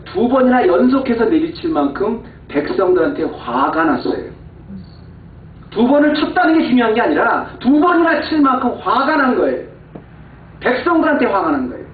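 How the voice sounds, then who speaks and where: High-voiced preaching man in an echoey church. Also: sing-song, moderate pace, phone-quality sound, a little hiss or hum. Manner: swings from low, quiet asides to high, heated emphasis; acts out quoted complaints in an exasperated voice. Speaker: pastor. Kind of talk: sermon. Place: church sanctuary. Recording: echoey, far-off, phone-thin church recording.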